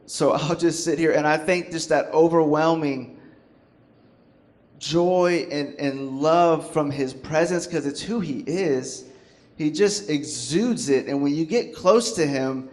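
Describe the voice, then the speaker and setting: Animated, joking male pastor preaching. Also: a little high, measured pace. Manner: animated, conversational and joking, acts out quotes. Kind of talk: sermon. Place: church.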